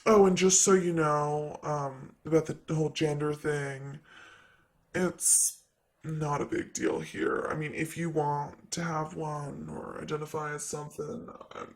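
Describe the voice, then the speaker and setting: In an improvised ASMR roleplay, a man plays a sassy, vain, flirty ancient demon secretary. His voice is on the high side and steady, a little slow, with teasing, casual, drawling asides.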